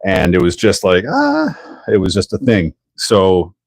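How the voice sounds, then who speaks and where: A Canadian man with a fairly low voice chats casually through a live build stream, laughing easily as he answers viewers. The sound is dry, with no room echo. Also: huge pitch swings, a little slow, creaky. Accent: Canadian English. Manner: chatty, laughs often, answers viewer chat.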